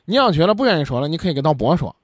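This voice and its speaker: A man hosts a radio call-in, blunt and straight-talking as he presses his caller. He talks fast, with a lively, somewhat high voice that swoops a lot. The sound is dry and close. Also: no echo. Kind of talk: call-in radio advice show.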